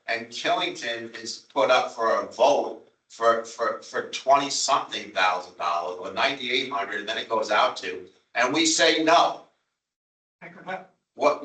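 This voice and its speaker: A man's voice: mid-range voice, pushed and bright. A man with a Long Island accent arguing budget figures at a public board meeting, insistent and repetitive. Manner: insistent, repeats himself, apologetic but pressing. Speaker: town representative on a transit board. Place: meeting room. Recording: echoey meeting room from far off.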